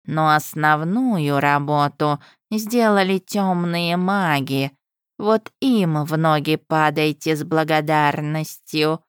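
Woman playing a wise male cat, soft and unhurried. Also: sits low, clear, resonant tone, dry recording, clean studio sound. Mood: calm. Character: clever talking cat, male, calm and sensible.

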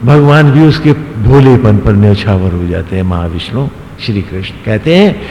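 Dramatic preacher in an echoey hall. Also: male voice, on the low side, expressive, moderate pace, dark tone, dull audio. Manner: dramatic, rising and falling delivery. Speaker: swami, spiritual preacher. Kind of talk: devotional sermon storytelling. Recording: echoey hall, faint background noise.

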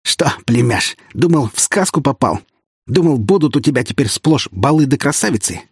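Guy playing a sneering treacherous uncle, loud and mocking, bit breathy, close dry mic, audiobook villain. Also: mid-range voice, big pitch swings, normal speed, dry recording, voice pushed up, heavily acted. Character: gloating treacherous middle-aged male security chief. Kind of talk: audiobook character voice.

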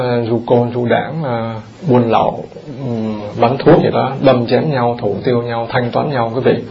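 A man, a Buddhist monk, giving an animated dharma talk in a temple hall, often turning to the audience with questions. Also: mid-range voice, vocal fry, dull audio.

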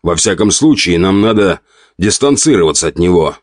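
A man's voice: deep voice, lively intonation, normal speed, no room sound, studio quality. A man voicing a crude, irritable count of 48, growling and contemptuous. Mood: scornful.

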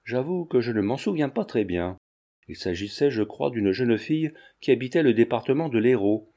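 A man voicing a guarded, polite young man who speaks in measured tones, read from a classic novel. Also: mid-range voice, lively intonation, warm tone, close to an everyday voice. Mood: hesitant.

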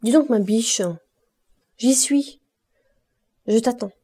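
A woman's voice: mid-range voice, normal speed, dark tone, close to an everyday voice. Woman doing a leering drunken workman. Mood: teasing. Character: drunken leering male zinc worker.

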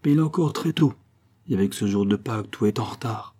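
A male audiobook narrator voicing a steady, reassuring male leader of a secret group. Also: fairly low pitch, brisk, husky.

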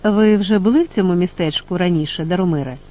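A man's voice: sits high, quick pace, highs cut off, close to an everyday voice. A man voicing a curious, talkative father who keeps asking questions. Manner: inquisitive.

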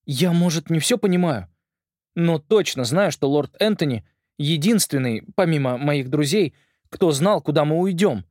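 A man's voice: fairly high pitch, expressive, moderate pace, darkish tone, no echo, clean studio sound, pitched above the performer's own voice, lightly acted. A male reader voicing a bold, stubborn twelve-year-old boy who argues with adults. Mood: urgent.

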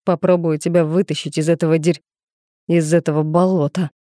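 A woman reading the lines of a tough, gruff man who gives short, clipped orders in an audiobook. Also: deep voice, level tone, fairly quick, dark tone, no echo, studio quality, natural voice. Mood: curt commanding.

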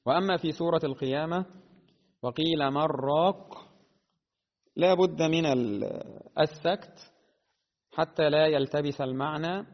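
A man teaching the rules of Quran recitation, explaining at a deliberate pace and slowing to chant the verses melodically. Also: fairly high pitch. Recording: dull lo-fi sound with long reverb.

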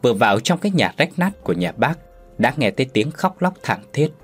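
A man narrating a first-person story as a storyteller in scripted narration, with lively, expressive delivery. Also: on the high side, brisk, vocal fry, husky, soft background music.

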